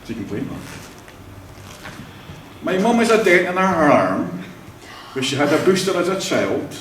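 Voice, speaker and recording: His voice sits on the high side, a bit bright and very animated, moving at a normal speed. He's a Scottish wedding celebrant telling family stories and laughing often as he leads a good-humoured vow renewal in a church hall. A faint hiss or hum runs under the echoey, distant-miked audio.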